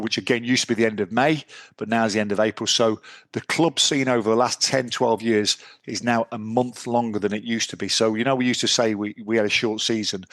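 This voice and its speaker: A man's voice: fairly low pitch, fairly bright tone, dry recording. A man co-hosting a podcast in casual, matey, chatty banter. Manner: chatty, matey banter with frequent "mate" and "cheeky". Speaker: podcast co-host. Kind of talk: casual chat. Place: lives in Ibiza.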